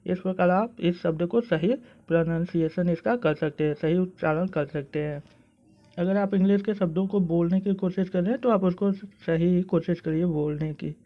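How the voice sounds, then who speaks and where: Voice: medium pitch, normal speed. Teacher, Indian English accent, pronunciation lesson, syllable-by-syllable, patient, hesitant fillers, slightly dull phone recording. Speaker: online teacher.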